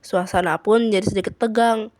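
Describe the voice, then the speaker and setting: A teenage girl, a student, narrating a short story in a steady, plain reading voice. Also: medium pitch, moderate pace. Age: teens. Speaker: student reader.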